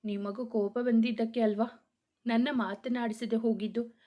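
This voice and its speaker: A woman's voice: a little high, flat delivery, moderate pace, mellow, close to an everyday voice. A woman playing a tearful pleading young girlfriend. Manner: pleading, apologetic. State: tearful, sobbing. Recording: dull lo-fi audio.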